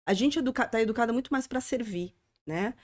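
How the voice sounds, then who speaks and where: A woman's voice: fairly high pitch, a little fast. A woman from southern Brazil with a Southern Brazilian accent, speaking as an interview guest in an earnest, reflective way, often ending phrases with a questioning tag. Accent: Southern Brazilian (gaúcho). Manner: reflective, earnest, frequent "né?" tags. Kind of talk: conversational interview.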